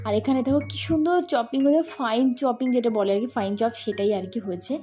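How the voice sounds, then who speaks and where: A slightly hoarse woman narrating her home cooking vlog in a chatty way, talking straight to viewers with plenty of fillers. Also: on the high side, fast, dark tone. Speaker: cooking vlogger. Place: home kitchen.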